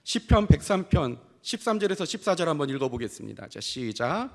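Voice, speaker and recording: A male pastor preaching a sermon in a church, animated, asking rhetorical questions and dropping short affirming fillers. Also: fairly high pitch, a little fast, gravelly. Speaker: senior pastor. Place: church sanctuary. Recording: long church hall reverb.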